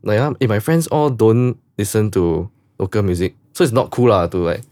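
A man's voice: lowish voice, animated, normal speed, warm tone. A young Singaporean man chatting casually in colloquial Singlish, using particles like lah, lor and eh. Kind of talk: casual group chat.

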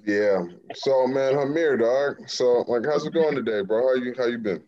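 A man's voice: mid-range voice, moderate pace, warm tone, highs cut off. A man from New Jersey hosting a sports show, chatting casually with lots of slang and fillers. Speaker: show host, former player. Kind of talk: casual interview chat.

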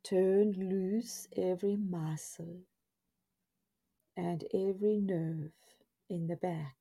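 A woman guides a relaxation in a hushed, breathy half-whisper with a husky softness. Her voice is lowish and very mellow. She speaks in soothing, drawn-out phrases, leaving pauses between them. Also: steady tone. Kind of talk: scripted guided body scan meditation in a soft, breathy half-whisper.

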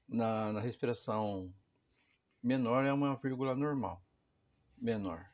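Male music teacher, mid-pitched, patient explainer who keeps checking in. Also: a little slow, a little mellow, muffled recording, slight background noise. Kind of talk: instructional music lesson.

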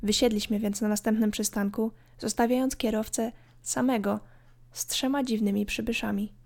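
A woman narrating a scripted horror story in a calm, measured way. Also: fairly high pitch, gravelly. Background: faint background music.

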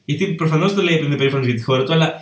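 Rambling young man, echoey and far. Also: a little high. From Alexandroupoli, Greece. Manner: rambling, self-correcting, profane storytelling. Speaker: podcast co-host, comedian. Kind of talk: casual chat. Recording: echoey room, mic at a distance.

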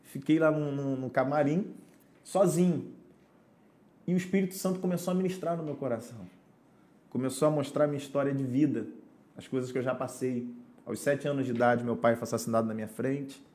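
A man's voice: medium pitch, a little fast, darkish tone. A man, a pastor, telling his conversion story on a podcast in an earnest, preacherly way. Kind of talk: podcast testimony.

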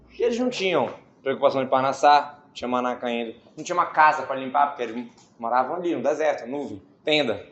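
A man teaching a casual Bible study class, reading verses aloud and adding joking asides and quick rhetorical questions. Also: mid-range voice, lively intonation, a bit bright. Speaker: Torah teacher. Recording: echoey room, dull lo-fi sound, faint hiss.

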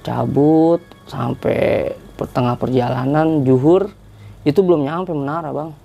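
Gravelly, mellow-voiced man telling a story. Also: on the high side, unhurried. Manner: chatty, rambling, with many filler tags. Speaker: guest telling a hiking story. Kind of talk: casual podcast storytelling.

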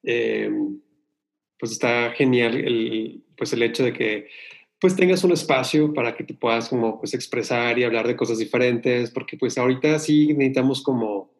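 A man's voice: mid-range voice, normal speed. A man with a Mexican accent, a podcast guest talking casually and hesitantly, with many fillers.

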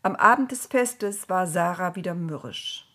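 Slow, breathy woman reading a story. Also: on the low side. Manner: calm, measured storytelling.

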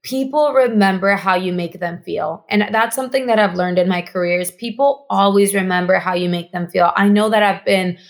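A Mexican woman whose first language is Spanish appears as a guest on a casual podcast, speaking earnestly and frequently restarting or repeating phrases for emphasis. Her pitch is medium and her pace moderate, with few pauses.

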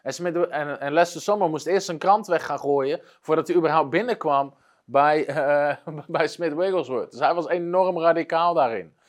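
A man with a somewhat high voice preaches in an earnest storytelling manner. He often pauses and restarts his sentences as he works through a tale. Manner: earnest storytelling with frequent hesitations. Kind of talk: storytelling sermon.

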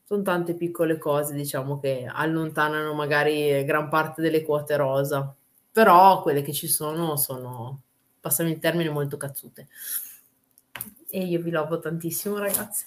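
A woman's voice: low-pitched, normal speed. A woman speaking candidly in an informal, blunt, slangy way in a conversational interview. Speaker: wrestler and guest.

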